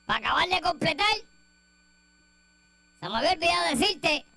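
A woman's voice: very high voice, animated, fairly quick, creaky, pushed and bright, no echo, heavily acted. A woman doing a cranky gossiping rat with a Puerto Rican accent. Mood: grumpy gossip. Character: grumpy gossiping rat who hates everyone. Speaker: radio comedy character. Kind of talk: radio comedy sketch. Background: music.

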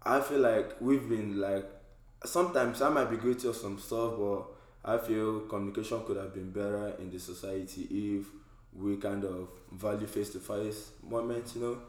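Low-voiced man leading a casual chat. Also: fairly even intonation, moderate pace. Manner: conversational, many fillers like "like" and "you know". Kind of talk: casual group discussion. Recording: echoey room.

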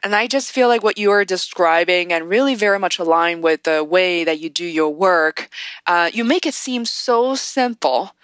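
A woman's voice: on the low side, normal speed, a bit bright, no room sound. A woman hosting a podcast interview, talking in an effusive, rambling way with many fillers. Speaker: podcast host.

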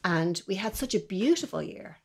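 A woman's voice: medium pitch, animated, moderate pace, vocal fry, breathy edge. A middle-aged woman, a violinist guest talking earnestly and reflectively in an interview, sometimes dropping to a near-whisper. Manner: earnest, wondering, trails into soft near-whispers.

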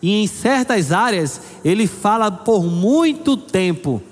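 A middle-aged male pastor preaching a sermon, building emphasis and reading scripture slowly. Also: sits high, expressive. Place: church hall. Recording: long hall reverb with faint music.

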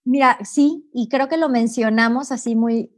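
A middle-aged woman talks calmly and warmly as an interview guest, leaning into a patient, teacherly tone. She checks in with her listener often and lets her points land slowly. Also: fairly high pitch. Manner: calm, teacherly, with many "¿no?" tags. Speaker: guest, personal growth coach. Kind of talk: reflective interview talk.

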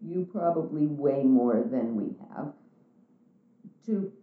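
A woman's voice: deep voice, slow pace. Frank chatty woman, tinny echo. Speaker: interviewee. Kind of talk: casual conversation. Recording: echoey room, tinny phone-like sound.

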